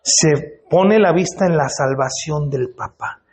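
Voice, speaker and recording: A man's voice: on the high side, slow pace, darkish tone. A male pastor, preaching in a church and putting questions to the congregation in a conversational way. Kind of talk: sermon. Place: church hall.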